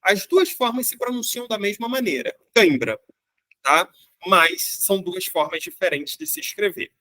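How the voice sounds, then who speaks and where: Casting: high, bright male teacher from Brazil, patient explainer, dry close sound. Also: moderate pace, dry recording. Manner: explains patiently, asks "né?" and "tá?" often. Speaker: Portuguese teacher. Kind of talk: online grammar lesson.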